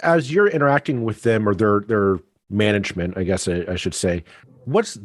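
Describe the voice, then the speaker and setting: A man's voice: on the low side, normal speed, dry recording, studio quality. A man hosting a podcast, asking long rambling questions with many restarts. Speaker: podcast host. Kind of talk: casual podcast interview.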